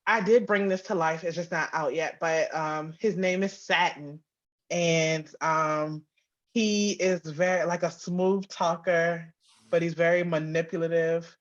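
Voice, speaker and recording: An audio drama writer, appearing as an interview guest, chats casually in a lowish, steady voice at a measured pace, thinking aloud and repeating phrases. The audio is slightly dull and lo-fi.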